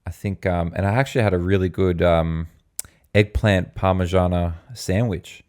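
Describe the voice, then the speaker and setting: A man's voice: low voice, fairly even intonation, moderate pace, a little mellow, clear, resonant tone. An Australian man hosting a podcast in casual chat, asking short, easygoing questions. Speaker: podcast host.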